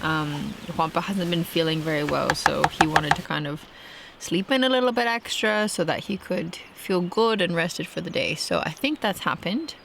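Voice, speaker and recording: A woman's voice: fairly low pitch, normal speed, vocal fry, heavy background noise. A young woman narrating her travel vlog in a chatty, upbeat way, laughing often. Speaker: travel vlogger. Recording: background music under voice.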